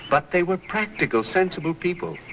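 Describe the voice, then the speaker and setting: A man's voice: sits high, lively intonation, brisk, fairly bright tone, lo-fi sound, a little hiss or hum. An actor playing a stern, formal older banker lecturing his grown son.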